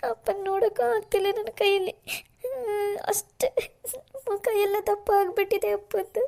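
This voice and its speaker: A frightened young cartoon daughter, crying and pleading. Her voice is extremely high. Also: little pitch movement, moderate pace, creaky, darkish tone. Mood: distraught.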